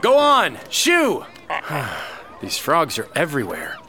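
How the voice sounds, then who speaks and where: A man voicing an easygoing young mountain man who talks in a relaxed, friendly way in an audio drama. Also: mid-range voice, moderate pace.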